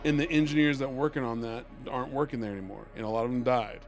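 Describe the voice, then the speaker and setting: A young man co-hosting a podcast, talking in a wry, deadpan, rambling way. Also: medium pitch, quick pace, soft background music. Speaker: podcast co-host. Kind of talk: casual chat.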